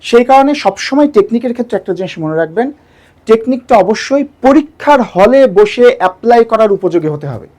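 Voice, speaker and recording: Lively man teaching exam grammar. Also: extremely high pitch. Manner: syllable-by-syllable drawn-out demonstrations; asks rhetorical questions to the listener. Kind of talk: lecture.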